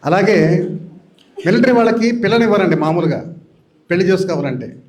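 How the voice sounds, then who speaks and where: An older man from Andhra Pradesh tells funny stories from a meeting-hall stage. His voice sits high for a man, and he slips into the voices of the people in his tales as he goes. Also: lively intonation, a little fast, darkish tone. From Andhra Pradesh, India. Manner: storytelling, acting out quoted voices. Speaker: speaker at a public meeting. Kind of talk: humorous anecdotes told to an audience.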